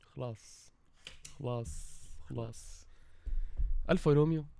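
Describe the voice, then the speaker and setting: A young man with a Tunisian accent bantering and teasing as a contestant in a car guessing game, often repeating his words quickly. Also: mid-range voice, gravelly, mellow. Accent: Tunisian Arabic.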